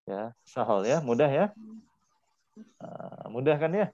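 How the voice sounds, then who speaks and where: A man's voice: medium pitch, lively intonation, slow, mellow, no room sound, highs cut off. A man teaching Arabic in an online class, patiently repeating words for his students to drill.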